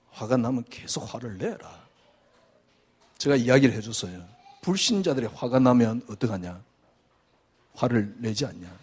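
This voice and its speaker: A male pastor preaching a sermon emphatically, firing rhetorical questions and swinging between loud and hushed delivery. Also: mid-range voice, slightly rough.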